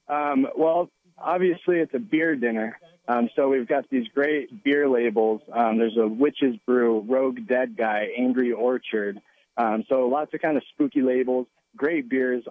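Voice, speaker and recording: A chef calling in by phone to a radio show, relaxed and joking in casual chat. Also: male voice, medium pitch, normal speed, no room sound. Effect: voice heard over the phone. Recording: tinny phone line.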